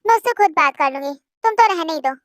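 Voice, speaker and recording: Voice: very high-pitched, animated, quick pace, a bit bright, no room sound, clean studio sound. A performer voicing a busy, scolding mother in a fan audio drama. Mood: reproachful. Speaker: mother figure in a family drama.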